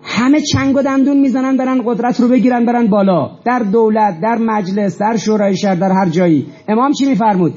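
A man's voice: high-pitched, few pauses, a little mellow, breathy edge, muffled recording. A man giving an impassioned speech to an audience, emphatic, asking rhetorical questions and repeating phrases for force. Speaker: lecturer.

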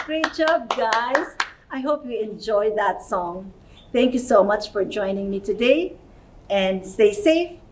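A woman's voice: mid-range voice, animated, measured pace, distant mic, noisy background. A middle-aged woman, an early childhood educator, talks as if to a toddler in a simple, encouraging, sing-song way, asking little questions in an indoor room. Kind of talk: children's lesson, talking as if to a toddler. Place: indoor playroom-style studio, seated.

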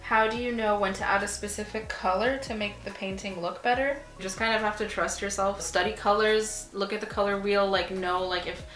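A chatty young woman in her 20s, an artist and vlogger whose first language is Arabic, answers questions casually while painting on a couch in a small room at home. Her medium-pitched voice moves fairly quickly with hardly any pauses, full of relaxed "like" fillers. The camera sits a few feet away, giving a reverberant sound over soft background music.

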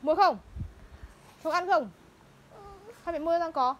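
At home indoors, a mother with a very high, slightly slow and bright voice repeatedly urges and scolds her child to hurry up in a home video. Her tone is urgent and coaxing, and a faint hiss or hum sits under the recording.

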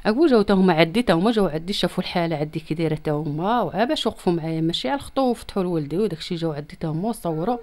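Fast-talking Moroccan woman, plaintive. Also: fairly low pitch, lively intonation, darkish tone. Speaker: interviewee appealing for help. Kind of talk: personal plea in a street-press interview. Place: small room at home. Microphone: handheld reporter's microphone close to the mouth.

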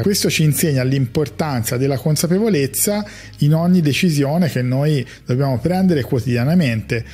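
A man in his forties, a psychologist, giving a measured, reflective talk to camera on a studio mic in a small bright room. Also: on the high side, breathy edge. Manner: measured, reflective, gestures while talking. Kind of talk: calm explanatory monologue to camera. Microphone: large studio mic on a stand in front of him.

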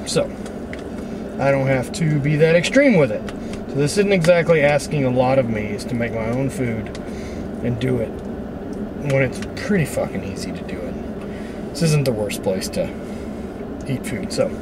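A man's voice: mid-range voice, normal speed, long pauses, heavy background noise. A man in his thirties talking to a dashboard camera inside his truck, blunt and motivational, swearing freely. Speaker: vlogger. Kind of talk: casual vlog monologue.

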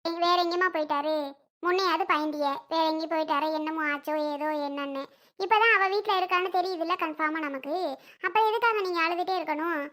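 A woman's voice: extremely high pitch, fast, bright, forceful tone. A woman playing a young daughter-in-law who earnestly consoles her mother-in-law in a family skit. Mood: consoling. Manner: earnest, pleading, comforting.

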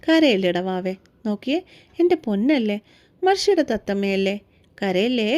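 A woman's voice: mid-range voice, big pitch swings, normal speed, close to an everyday voice. Woman voicing a fiery protective young man. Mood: tender. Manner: shouting in anger, cooing softly to a child. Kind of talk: audiobook story reading.

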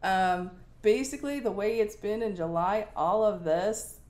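Slow-talking woman chatting about her stitching. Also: medium pitch, a little mellow. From Nova Scotia, Canada. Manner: chatty, thinking aloud with many ums. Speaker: cross-stitch video host. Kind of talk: casual show-and-tell chat. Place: home room with window blinds, indoors. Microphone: fixed camera at desk distance.

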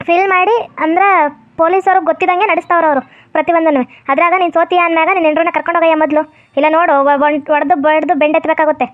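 A woman playing a hot-tempered woman police officer who scolds and gives orders. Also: extremely high pitch. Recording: tinny phone-like sound.

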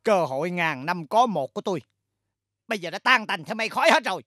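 Actress playing a dramatic, scolding company boss; bright, close, dry sound. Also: female voice, on the low side, animated, fast talker, dry recording. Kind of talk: sitcom acting.

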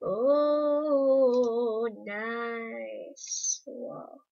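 A woman giving casual let's-play commentary, excitable and repetitive, humming and singing to herself. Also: fairly high pitch, very slow, vocal fry, muffled recording. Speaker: gameplay commentator.

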